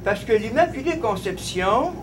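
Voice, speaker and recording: A man from Abitibi with a Quebec French accent telling a childhood farm anecdote, animated and laughing, with rambling restarts. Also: very high voice, moderate pace, noisy background. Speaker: storyteller. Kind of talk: personal anecdote told live.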